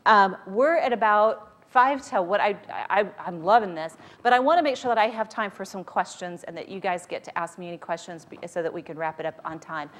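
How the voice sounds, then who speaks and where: A woman's voice: mid-range voice, animated, fairly quick, few pauses. A woman speaking as a motivational workshop leader to a live group, conversational and emphatic, often using rhetorical questions.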